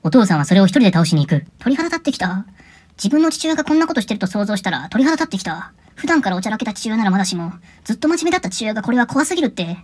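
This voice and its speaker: A woman's voice: mid-range voice, very animated, rapid-fire, darkish tone, slightly rough. A woman voicing a father in a cartoon who records a grave farewell video and then frets over being watched. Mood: mortified. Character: solemn father, secretly embarrassed.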